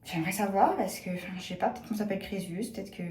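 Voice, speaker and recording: A woman's voice: medium pitch, fast, a little mellow. A young woman chatting casually in a vlog, self-mocking and trailing off into hesitant asides, recorded on a phone held at arm's length. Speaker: vlogger. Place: apartment rooms and city streets. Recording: echoey phone audio with faint hum.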